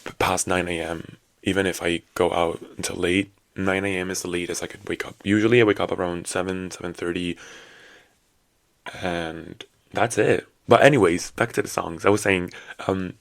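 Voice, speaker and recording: A solo podcast host in his twenties rambles casually with sassy asides, his low voice hoarse and raspy after a night out. He keeps a steady tone and a moderate pace, and the recording is dry.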